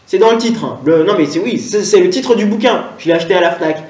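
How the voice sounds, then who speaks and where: A man talks casually and rambles, circling back with hums and restarts. His pitch sits in a middle range. The sound is roomy and dull, like a lo-fi recording. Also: quick pace, darkish tone, distant mic. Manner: rambling, lots of fillers and restarts. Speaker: comedian. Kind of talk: casual talk to camera.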